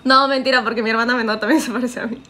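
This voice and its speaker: A woman's voice: a little high, fairly even intonation, very fast, pushed and bright. A young woman with a Peruvian accent chatting on a livestream, reading out comments and joking. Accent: Peruvian Spanish. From Peru. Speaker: streamer.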